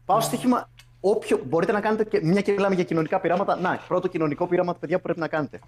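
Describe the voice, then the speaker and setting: Young guy hosting a chat show, bit high voice, jokey and swears a lot. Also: fairly even intonation, a crowd in the background. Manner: laid-back banter, frequent laughing and swearing. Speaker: podcast host. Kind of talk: casual chat.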